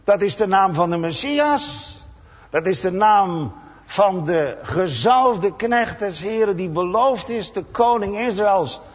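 A man preaching a sermon in a church, slow and emphatic, acting out the cries of the people in his story. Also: high-pitched, expressive. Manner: slow, emphatic preaching with dramatic voiced quotes. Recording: dull sound with long church reverb.

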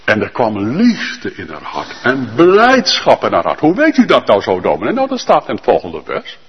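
A male pastor preaching a sermon with fervent emphasis and drawn-out, emphatic lists. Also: mid-range voice, huge pitch swings, long reverb tail, muffled recording.

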